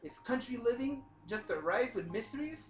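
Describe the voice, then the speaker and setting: A woman's voice: expressive, normal speed, echoey room, soft background music. Playful young woman reading a game aloud. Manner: playful, jumps into high squeaky voices for sound effects. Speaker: let's play reader voicing a visual novel. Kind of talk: reading game text aloud with jokey commentary.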